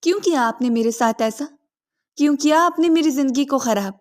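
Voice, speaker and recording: A woman's voice: fairly high pitch, close to an everyday voice. A woman voicing a distraught young bride who speaks tearfully and reproachfully. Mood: tearful reproach.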